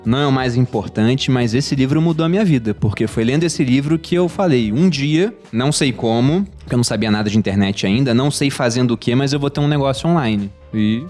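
A man with a Brazilian Portuguese accent co-hosts a relaxed podcast and makes his points in a brisk, explanatory way. His pitch sits in a mid range and he talks fast, with faint music behind him. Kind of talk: casual podcast chat.

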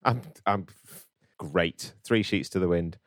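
A man's voice: low voice, slow, dry recording. Giggly man, dry close sound. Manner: laughs a lot, plays dumb, stammers and repeats words. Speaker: co-host. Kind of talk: comedic casual chat.

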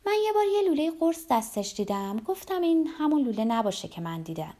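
A woman's voice: a little high, sing-song, mellow. A woman reading aloud, voicing a curious, suspicious young woman who asks pointed questions. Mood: nervous.

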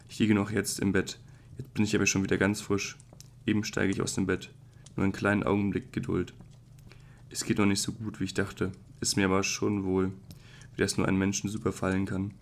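A man voicing a young male clerk turned into an insect, apologizing in a hurried, stumbling way while reading an audiobook. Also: sits low, completely flat delivery, creaky. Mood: flustered pleading.

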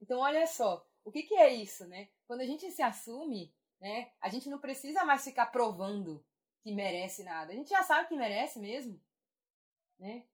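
Gentle reflective woman. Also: on the high side, lively intonation, moderate pace. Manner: gentle, reflective, often adds "né?". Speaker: podcast co-host. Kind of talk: reflective conversation on self-acceptance.

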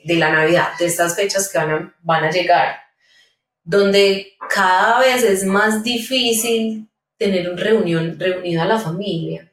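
A woman, a pedagogue guest giving calm, step-by-step parenting advice in conversation. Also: lowish voice. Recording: roomy sound, mic at a distance.

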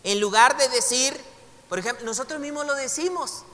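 High, bright Mexican man teaching a class. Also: moderate pace. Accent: Mexican Spanish. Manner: conversational, joking asides, reads passages aloud. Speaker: Bible teacher. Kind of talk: casual classroom lecture. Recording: long hall reverb.

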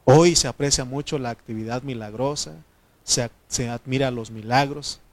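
A man preaching a conversational sermon, speaking informally with filler pauses and frequent amens to his congregation. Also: medium pitch.

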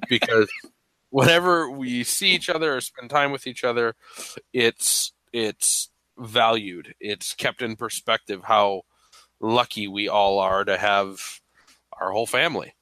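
A man's voice: medium pitch, fairly even intonation, unhurried, sharp tone, no room sound, low-quality recording. A man with a stuffy voice hosting a podcast in a playful, casual, chatty way. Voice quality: stuffy, congested-sounding. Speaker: podcast host. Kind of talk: casual chat.

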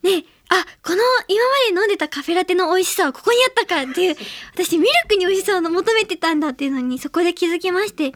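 A woman's voice: very high voice, expressive, quick pace, hardly any pauses, no room sound, studio quality. A young woman from Hiroshima hosting a solo radio segment, talking chattily and earnestly with many small fillers. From Hiroshima, Japan. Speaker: radio show host.

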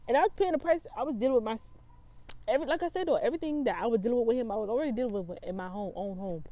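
A woman's voice: on the high side, rapid-fire, dark tone, dull audio. A woman in her twenties telling a personal story in a vlog, talking in a blunt, profane and emphatic way. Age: 20s. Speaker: vlogger.

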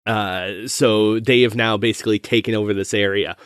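A man's voice: lowish voice, steady tone, moderate pace, clean tone, no room sound, studio quality. A man narrating a tabletop game as game master, in a casual, rambling way with many restarts.

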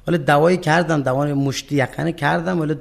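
A young man in his twenties speaks with an Afghan accent in a somewhat raised register. His voice has a gravelly, creaky edge. He answers in short, plain and often halting replies, repeating himself as he goes. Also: on the high side, fairly even intonation, slight background noise. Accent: Afghan Persian. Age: 20s. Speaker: murder suspect being interviewed. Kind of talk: answering an interview.

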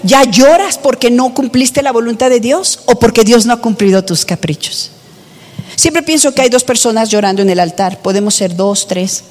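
A woman's voice: a little high, moderate pace, a little mellow, in a large hall. A woman preaching a sermon, emphatic, with rhetorical questions to the congregation.

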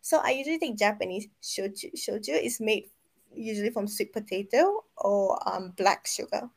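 A woman's voice: medium pitch, expressive, vocal fry. A woman co-hosting a casual podcast who rambles, halts and corrects herself as she talks. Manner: rambling, halting, self-correcting. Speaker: podcast co-host.

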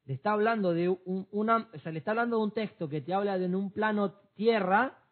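A man's voice: sits high, a little fast. A man, co-host of a church talk, reasoning aloud with many restarts. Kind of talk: church discussion program. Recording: tinny phone-like sound.

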